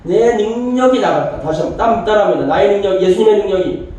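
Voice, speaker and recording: High-voiced preacher in an echoey church. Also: male voice, quick pace, a little mellow, a little hiss or hum. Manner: storytelling preacher who voices the people in the story. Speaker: pastor. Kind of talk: sermon. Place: church sanctuary. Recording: very echoey church hall from a distance.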